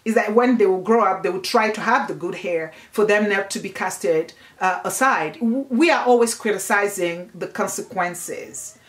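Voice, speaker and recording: A woman's voice: medium pitch, normal speed, hardly any pauses. A woman, giving an earnest, emphatic book review in a casual vlog. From Congo. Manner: earnest, emphatic, repeats herself while thinking. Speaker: book vlogger.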